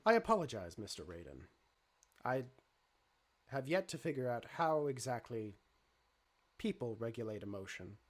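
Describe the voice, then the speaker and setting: A cold, menacing male robot from a tabletop game, as the man running the game puts him on. He speaks in a low, measured, formal way, held quieter and deeper than the game master's normal talk. Every word comes out carefully weighed. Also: very animated.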